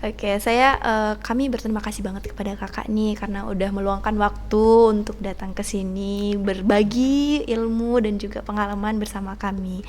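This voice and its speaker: A woman's voice: mid-range voice, fairly even intonation, moderate pace, hardly any pauses, slight background noise. A young woman hosting an interview, upbeat and enthusiastic, introducing the guest and asking casual questions. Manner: upbeat, enthusiastic, fond of intensifiers. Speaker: host.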